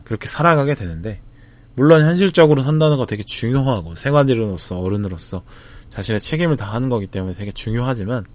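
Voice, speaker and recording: A man, talking to camera about a film festival trip in a reflective, casual way, with frequent pauses, fillers and restarts. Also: medium pitch. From Busan, South Korea. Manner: thoughtful, hesitant, many fillers and restarts.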